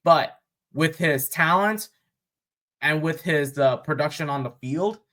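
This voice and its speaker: Male fan vlogger, unhurried delivery, bright tone, off-the-cuff. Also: a little high. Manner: unscripted, thinking aloud with fillers and pauses. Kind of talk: casual mock draft commentary.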